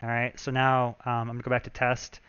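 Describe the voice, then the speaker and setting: Man, game developer streaming live, chatty, thinks out loud with fillers; crisp, bright tone, dry close sound, a touch lo-fi. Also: mid-range voice, completely flat delivery, brisk, no room sound. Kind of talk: casual live-stream walkthrough.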